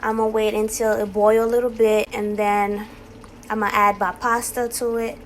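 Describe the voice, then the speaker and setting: A woman's voice: fairly high pitch, level tone, moderate pace. A woman chatting casually and informally to her viewers as a home cooking vlogger, unscripted, in a kitchen. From Haiti or Haitian family. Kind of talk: casual vlog chat to viewers while cooking. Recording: clearly noisy home recording.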